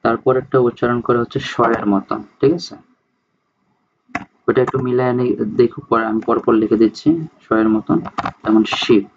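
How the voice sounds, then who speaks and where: A male teacher gives a casual spoken lecture. He keeps checking in with his students and reads terms slowly before explaining them. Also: medium pitch, muffled recording, noisy background. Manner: explains slowly, often checks in with "ঠিক আছে?".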